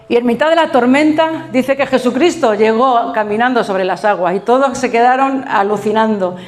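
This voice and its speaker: Animated Spanish woman pastor preaching. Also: on the high side, echoey room. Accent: Spain Spanish. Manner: animated storytelling with laughs and acted quotes. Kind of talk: sermon.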